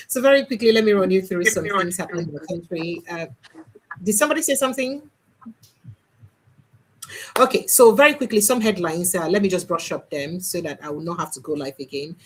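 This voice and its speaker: A woman's voice: fairly low pitch, expressive, brisk, a little hiss or hum. A Nigerian woman hosting a political commentary livestream, emphatic and slipping into Pidgin. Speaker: livestream host.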